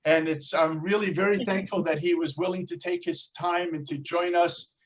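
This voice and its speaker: A man with a New York accent opens an online class. His voice sits a little high, and his delivery is friendly and chatty. He jokes easily as he hands over to the teacher. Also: steady tone, normal speed, slight background noise. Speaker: host introducing a teacher.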